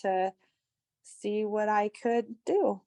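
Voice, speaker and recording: Female new member, mid-pitched, tentative informal introduction, dry sound. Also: takes it slowly, warm tone, no echo. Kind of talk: casual self-introduction to a group.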